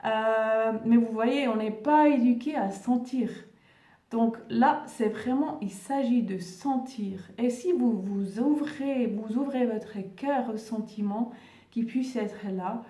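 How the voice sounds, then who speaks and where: A woman with a non-native French accent, talking gently to her viewers in a vlog and often pausing to search for words. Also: fairly high pitch, reverberant, far from the mic. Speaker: spiritual video host. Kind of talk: casual vlog address to viewers.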